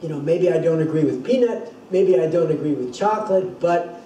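A man's voice: a little high, expressive, a little fast, warm tone, a little hiss or hum. An older man giving a university lecture, explaining things thoughtfully and often restarting his sentences. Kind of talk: classroom lecture. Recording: echoey room, distant mic.

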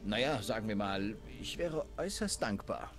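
A man's voice: fairly low pitch, animated, normal speed, faint music behind, natural voice. An actor playing a snobbish, scheming male town councilman in a dubbed video game, talking in a pompous, condescending way. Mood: smug.

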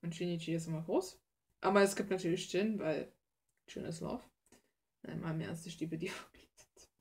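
A young German woman chats casually while working on her art, her voice fairly low, steady, a little mellow, and fairly quick. She's a hobby artist and video creator, rambling as she paints in a blunt, slangy, self-deprecating way. The recording was made at a desk in a small room.

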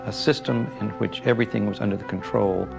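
A man with a gravelly, somewhat low voice reflects in a documentary interview. He talks in a loose, conversational way with soft music under him. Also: steady tone, quick pace.

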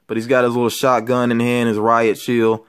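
This collectibles vlogger has a clear, resonant, medium-pitched voice, delivered completely flat at normal speed. He talks casually while showing toys to viewers in an indoor room full of shelved figures.

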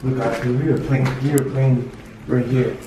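Young male night vlogger, jittery and slangy, mid-pitched, noisy handheld camera sound. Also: fairly even intonation, a little slow. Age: young adult. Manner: nervous, repetitive, slangy. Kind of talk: nervous night exploration vlog, casual. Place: abandoned house and dark outdoors at night. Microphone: handheld camera mic. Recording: echoey, off-mic, noisy handheld camera audio.

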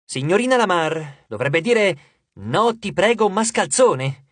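A man's voice: sits high, expressive, takes it slowly, a bit bright, no room sound, exaggerated voice. A man voicing a cheeky, theatrical schoolboy who plays director, with a hammy, bossy delivery. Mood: theatrical, imperious.

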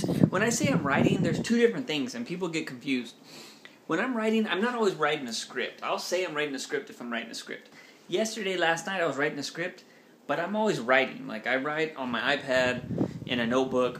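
A man's voice: a little high, fairly bright tone. A young man from the United States chatting casually in a vlog, rambling, joking and cutting himself off mid-sentence. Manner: rambling, jokey, self-interrupting. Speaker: vlogger.

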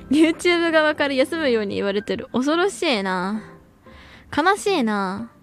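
A young woman chats away on a livestream in a high, bouncy voice that swoops up and down as she answers viewer comments. She talks in casual slang and breaks into laughter often. Faint music plays quietly behind her. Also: very animated, slow pace. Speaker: VTuber streamer.

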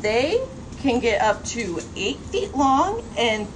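High, unhurried woman presenting baby snakes. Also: big pitch swings. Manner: cheerful, explanatory. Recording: audible background noise.

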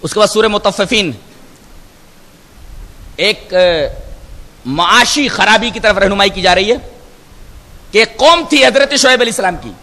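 A man's voice: high-pitched, animated, long pauses, pushed and bright. A man, an Islamic scholar, gives an emphatic sermon-style Quran commentary, asking rhetorical questions and chanting Arabic verses. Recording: long hall reverb.

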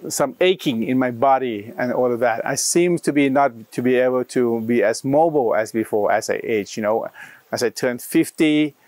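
Halting middle-aged man, dry close sound. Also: medium pitch, darkish tone, dry recording. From Australia. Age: 50s. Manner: halting, many fillers and restarts. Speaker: interviewee. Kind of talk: reflective personal account. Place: outdoors in a leafy garden.

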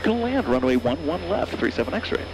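An American private pilot makes hesitant, clipped radio calls into an aviation headset boom mic in the cockpit of a small plane. His voice is a little high, very animated and a little fast. The audio is poor, with music and aircraft noise behind.

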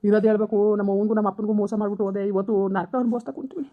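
A performer acting a repentant grown son in a village family drama, swearing earnestly to the truth. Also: female voice, medium pitch, fairly even intonation, very fast, narrow, tinny audio, close to an everyday voice. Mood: remorseful. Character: repentant grown son ashamed of betraying his parents.

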